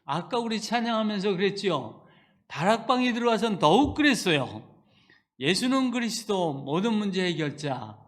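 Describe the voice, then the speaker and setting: A male pastor delivers an earnest sermon built on personal testimony. His voice sits high for a man. He drifts between hushed, reflective passages and loud, pleading outbursts. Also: big pitch swings, normal speed.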